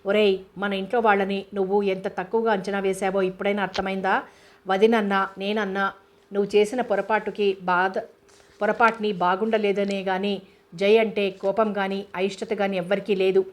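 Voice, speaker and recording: A woman's voice: medium pitch, flat delivery, moderate pace, lightly acted. A woman voicing a stern, protective elder sister who scolds her younger brother, read in an audiobook. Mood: soothing. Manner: scolding, exasperated. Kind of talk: audiobook character reading.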